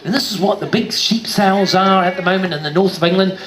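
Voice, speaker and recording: Higher-voiced New man, jokey showman. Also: fast talker, a bit bright, a little hiss or hum. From New Zealand. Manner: jokey showman, addresses kids and audience. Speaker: sheep show presenter. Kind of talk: live show commentary for a crowd. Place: live show stage before an audience.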